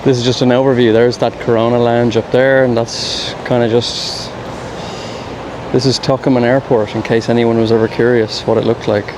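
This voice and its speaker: A man vlogs his travels while strolling through an airport terminal, offering casual, understated commentary with slangy, rambling asides. He speaks in a mid-range, level voice at a moderate pace, with noise in the background.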